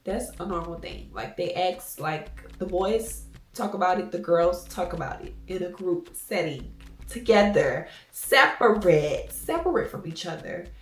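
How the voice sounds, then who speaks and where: A woman's voice: on the low side, expressive, normal speed, few pauses, a little mellow, far from the mic. A young woman vlogger giving a casual, blunt and opinionated recap in which she swears freely. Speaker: vlogger recapping a reality show. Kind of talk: casual commentary. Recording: echoey room with faint music behind.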